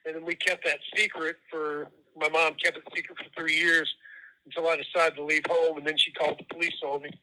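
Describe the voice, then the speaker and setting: A man calling in from prison over the phone line, talking in a halting, matter-of-fact way and often repeating his words. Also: on the high side, flat delivery, pushed and bright. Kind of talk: candid phone call.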